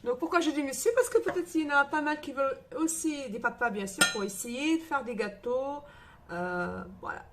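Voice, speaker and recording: Woman, Moroccan accent, home cook, chatty step-by-step demo, slightly high voice. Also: moderate pace, background noise. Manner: chatty, talks through each step aloud. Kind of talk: casual cooking demonstration. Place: home kitchen.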